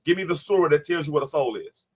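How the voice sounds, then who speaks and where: A man's voice: a little high, lively intonation, quick pace, husky. A man hosting a live online panel, debating insistently, cutting in and repeating his questions. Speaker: livestream host.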